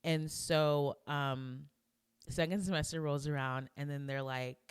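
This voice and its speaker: A young adult woman co-hosting a podcast, telling a story in a casual, animated way and acting out what people said. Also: low voice, a little slow, smooth. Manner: animated storyteller who acts out quotes. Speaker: podcast co-host. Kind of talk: casual chat.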